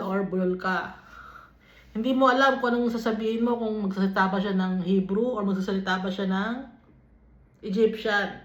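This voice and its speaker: A woman with a Filipino accent leading a Bible study, reading verses aloud and then explaining them in an unhurried way, switching between English and Tagalog. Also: medium pitch, fairly bright tone. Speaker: Bible teacher. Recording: dull, lo-fi recording in an echoey room.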